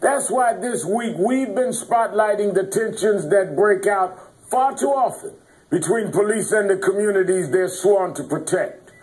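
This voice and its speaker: A man anchoring a news program, introducing a story and interviewing guests in a measured, earnest way. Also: high voice, darkish tone, rough recording. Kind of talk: broadcast news presenting.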